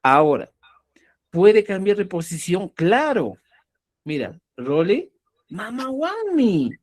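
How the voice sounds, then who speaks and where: Language teacher, animated pitch, emphatic, frequent check-ins. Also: takes it slowly. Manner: lively, stresses example words by shifting tone. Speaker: Quechua writing teacher. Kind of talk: explanatory lesson.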